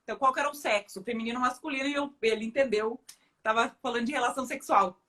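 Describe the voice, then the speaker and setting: A woman with a Brazilian Portuguese accent hosting a casual live talk and telling a story in a relaxed, conversational way. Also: on the high side, fast talker. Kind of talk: casual chat.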